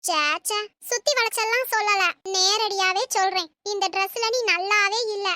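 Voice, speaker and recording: Woman doing a very high, bright, cheeky cartoon daughter-in-law, sly and chirpy, in a dry recording. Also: steady tone, no echo. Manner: chirpy, sly and quick-witted. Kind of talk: cartoon voice acting.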